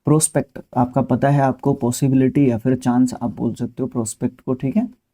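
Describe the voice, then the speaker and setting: A man with an Indian accent walks students through English spelling words, talking to them directly in a relaxed, conversational way. His voice is very dark and mellow, sitting at an ordinary middle pitch, and it is full of easygoing fillers and side remarks. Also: a little fast. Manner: conversational, with frequent fillers and asides; patient, speaks to students directly. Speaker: English vocabulary teacher. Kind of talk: explaining a spelling lesson.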